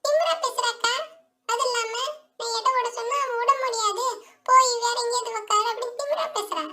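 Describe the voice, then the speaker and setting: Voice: very high-pitched, fairly even intonation, normal speed, bright, forceful tone, heavily acted. A female performer voicing a bossy, defensive elder sister doll in a doll story play.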